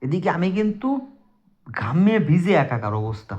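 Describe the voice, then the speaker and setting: A man with a southwestern Bangladeshi Bengali accent narrates a personal ghost story to friends in a fairly high, slightly mellow voice with big pitch swings and a moderate pace. His delivery is conversational and emphatic, addressed straight to listeners. The recording is dull lo-fi.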